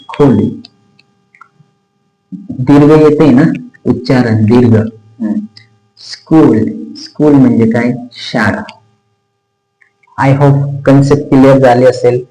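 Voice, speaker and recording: A man's voice: medium pitch, dark tone. A man with a Marathi accent teaching English pronunciation, repeating each word and asking the learners questions. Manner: slow, repeats words and asks questions to learners. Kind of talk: bilingual pronunciation lesson. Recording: echoey room with faint music.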